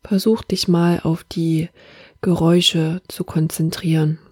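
A woman leading a guided meditation in a soft, half-whispered, calm and soothing manner. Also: on the low side, takes it slowly, husky, no echo, studio quality.

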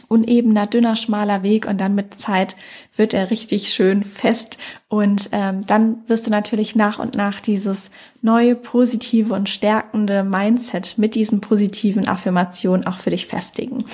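A woman giving a calm, instructional talk as a speaking coach, addressing the listener directly with the occasional hesitant pause. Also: medium pitch.

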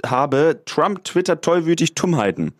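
A man's voice: fairly high pitch, sing-song, measured pace, no room sound. A man as studio guest running a quiz game, playful and explaining. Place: radio studio.

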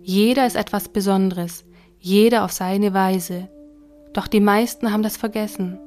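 A woman voicing a patient, smiling God who explains things calmly and gently, with faint music behind. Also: medium pitch, normal speed, natural voice. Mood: gentle.

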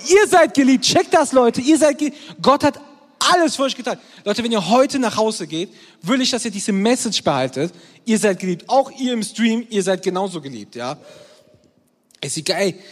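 A man in his twenties preaching to a live crowd, energetic and constantly checking in with the crowd. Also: high voice. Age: 20s. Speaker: youth preacher. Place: hall with an audience, also streamed. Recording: long hall reverb.

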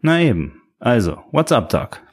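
A man's voice: medium pitch, very animated, unhurried, breathy edge. A man voicing a tipsy woman detective who answers with snappy, sarcastic retorts in an audiobook. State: drunk.

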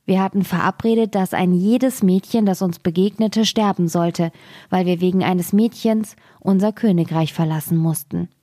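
A woman voicing a gentle, protective young boy, the youngest brother in a fairy tale, in an earnest storybook voice. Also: on the low side, steady tone, normal speed, dry recording, clean studio sound, natural voice.

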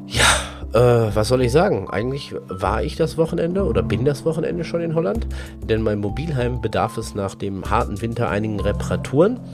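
A young man tells a lively anecdote about a fishing trip, acting out the dialogue, with music behind him. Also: medium pitch, a little fast. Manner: lively, animated anecdote telling with quoted dialogue. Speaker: fishing content creator. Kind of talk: casual storytelling.

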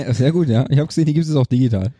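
A podcast co-host with a medium-pitched, warm voice that has a breathy edge races through a casual, unscripted chat. He talks colloquially and jokingly, and the recording is dry.

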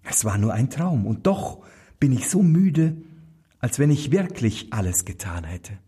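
A man's voice: on the high side, sing-song, slow, darkish tone, husky, voice pushed up, heavily acted. Man doing a weary young princess.

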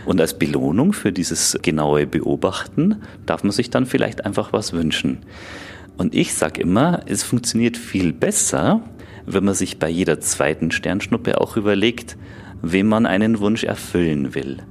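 A man's voice: low voice, sing-song, a little slow, darkish tone, slight background noise. A man speaking as an expert guest, explaining science simply and conversationally for children.

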